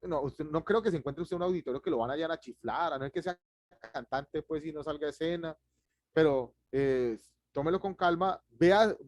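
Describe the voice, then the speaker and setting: A man teaches public speaking over an online class, rattling along quickly and laughing at his own slips. His voice sits a little high for a man. The sound is dry and close, with no room around it. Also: no echo. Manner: fast, lively, self-deprecating with chuckles.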